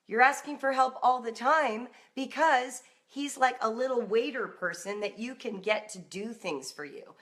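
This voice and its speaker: A middle-aged American woman, a parenting and homeschool coach hosting a live broadcast, talks to parents in an informal, direct, emphatic way, as though chatting with them. Her voice is a little high and a bit bright, with a measured pace and few pauses.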